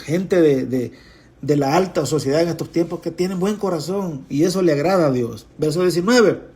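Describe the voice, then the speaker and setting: A woman reading a Bible passage verse by verse, pausing to repeat, explain and speak directly to her listeners. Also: fairly low pitch, mellow. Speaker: Bible teacher. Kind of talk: reading scripture with commentary.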